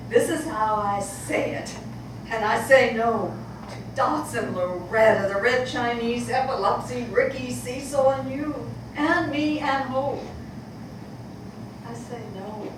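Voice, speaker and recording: An actress plays a weary, resolved grown daughter, speaking slowly and calmly in a fairly high voice. The sound is distant and echoey, like a stage in a large hall with background noise. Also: female voice. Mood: resolute. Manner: calm, measured, resigned. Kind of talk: stage play acting.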